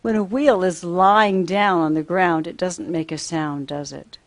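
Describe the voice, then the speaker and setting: A woman's voice: on the low side, fairly even intonation, a little slow. A woman teaching a simple children's lesson as if reading to a toddler, asking sing-song questions and repeating simple phrases.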